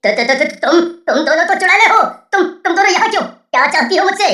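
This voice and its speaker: A woman's voice: mid-range voice, normal speed, bright, forceful tone, lightly acted. A woman voicing a scheming, cowardly male villain in a cartoon, cackling and stammering. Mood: panicked. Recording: roomy echo from a distance.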